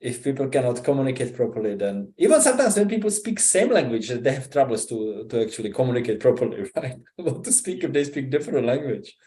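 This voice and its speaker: A man from the Republic, giving an informal scripture talk in a halting, conversational way, often checking in with "right?". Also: medium pitch, sing-song, warm tone. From Czech Republic. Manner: conversational, halting, with frequent 'right?' and 'you know?'. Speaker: visiting speaker giving a scripture class. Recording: roomy echo.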